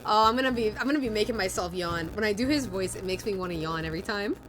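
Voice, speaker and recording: A woman voice actress live-streaming a game, thinking aloud in an animated way, swearing casually and reading lines aloud. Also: mid-range voice, fast talker, slight background noise.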